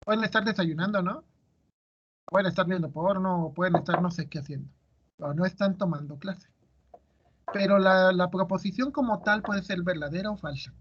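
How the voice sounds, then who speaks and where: Male teacher, high voice, quizzing his students, muffled audio. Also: normal speed, slightly rough. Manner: asks students questions, explains step by step. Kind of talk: classroom lecture.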